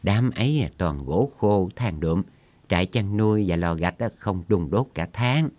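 A stocky, sly old village official, played by a male storyteller, loud and drawn-out, laying on false piety. His deep voice booms with a fawning, smooth-talking air in this storybook reading. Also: animated, dry recording. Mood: dismissive.

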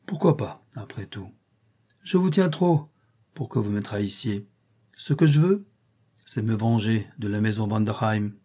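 A man's voice: fairly low pitch, expressive, a little slow, dark tone, breathy edge. A man voicing a haughty, vengeful male former business partner with a resentful manner in an audiobook reading. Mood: bitter.

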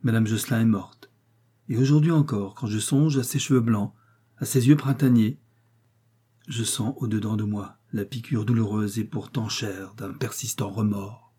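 A man narrating a literary short story in a measured, steady reading. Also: lowish voice, breathy edge. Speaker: audiobook narrator.

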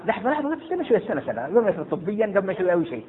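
A man teaching jurisprudence to a class, quizzing and hushing students, often stumbling and repeating words. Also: high voice, big pitch swings, very fast. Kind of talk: interactive classroom lesson. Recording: tinny lo-fi with faint noise.

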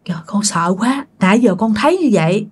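A woman's voice: mid-range voice, lively intonation, brisk, darkish tone, slightly rough. A woman voicing a frightened young woman who pleads in a shaken voice, with a Southern Vietnamese accent. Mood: scared.

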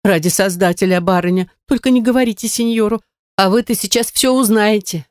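A woman's voice: mid-range voice, fairly quick, a little mellow, clean tone, dry recording, studio quality, pitched above the performer's own voice, lightly acted. A woman voicing a chatty, flustered young maid who pleads and rambles in a raised voice. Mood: pleading. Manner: breathless, wheedling, rambling.

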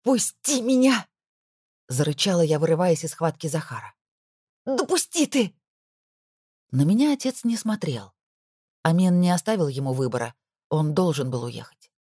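A woman's voice: low-pitched, animated, a little fast, dark tone, no echo, studio quality. A woman narrating a first-person audiobook with emotional, intimate delivery.

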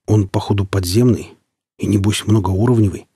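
A man voicing a jumpy young male scavenger in an audiobook story, making quick, offhand remarks. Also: lowish voice, fairly even intonation, dark tone, husky, dry recording, clean studio sound.

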